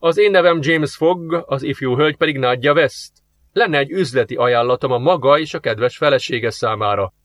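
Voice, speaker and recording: A man voicing a suave male demon posing as a polite businessman, speaking smoothly and courteously. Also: medium pitch, no room sound, close to an everyday voice.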